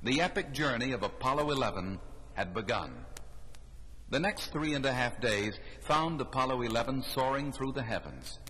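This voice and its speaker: Male documentary narrator, mid-pitched, solemn and grand, on an old 1960s record with long reverb. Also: fairly bright tone. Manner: solemn, grand, measured phrasing. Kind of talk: scripted narration. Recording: 1969 vinyl record, long reverb, faint noise.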